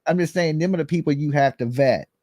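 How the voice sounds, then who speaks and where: A man's voice: a little high, fast talker, mellow, no echo, clean studio sound. A middle-aged man hosting a call-in show, giving casual commentary in plain, colloquial speech. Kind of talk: casual live commentary and chat.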